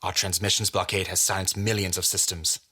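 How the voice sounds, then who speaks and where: Man playing Chancellor Hux, forceful and husky. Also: low-pitched, level tone, brisk, full character voice. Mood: tense, defensive. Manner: formal, oratorical. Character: cold, imperious, irritable military chancellor. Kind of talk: audio drama acting.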